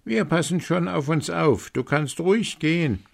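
A man voicing seven young goat kids in a storybook reading, with a high shrieking chorus voice. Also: expressive, normal speed, creaky. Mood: reassuring. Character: seven frightened little goat kids, child-high, shrill.

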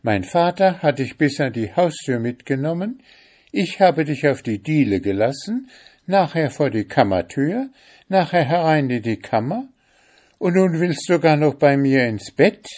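A man's voice: medium pitch, lively intonation, unhurried, a little mellow, pitched above the performer's own voice. A man voicing a spirited, kind young girl in a storybook reading, raising his voice into an exasperated, pleading tone. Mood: indignant.

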